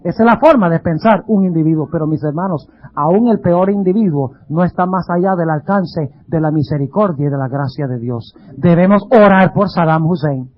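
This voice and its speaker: A man's voice: on the high side, normal speed, hardly any pauses. A male pastor giving a dramatic sermon, full of rhetorical questions. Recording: dull lo-fi radio sound.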